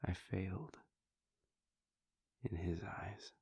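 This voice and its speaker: Very slowly, in a low husky whisper, a man voices a weary vampire prince who broods through a soft, confiding monologue in an intimate audio roleplay. The heavily acted, reflective performance comes through in a dry, lo-fi recording.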